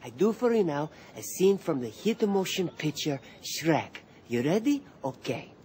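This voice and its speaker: A man's voice: fairly high pitch, big pitch swings, measured pace, darkish tone, slightly rough, exaggerated voice. An actor playing a bumbling young Italian man in a comedy film, with a hammy fake Italian accent. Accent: put-on Italian. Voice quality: bad exaggerated accent. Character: goofy male Italian restaurant son, bumbling.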